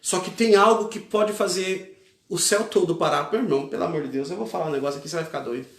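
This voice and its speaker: A male pastor with a Brazilian Portuguese accent delivers a fervent sermon and drives his points home through repetition. His voice sits unusually high. The recording carries the echo of a church hall. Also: fast talker. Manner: fervent, emphatic preaching with repeated phrases.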